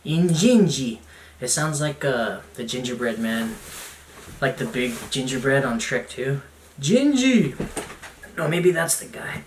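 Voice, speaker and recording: A young man rambles through a casual home unboxing, chatty and self-mocking. His voice sits at an everyday pitch and comes from a camera mic some way off, with the echo of a bare room. Clicks and a drawer opening or closing are heard behind him. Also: measured pace. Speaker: vlogger. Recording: roomy, distant camera mic, noisy.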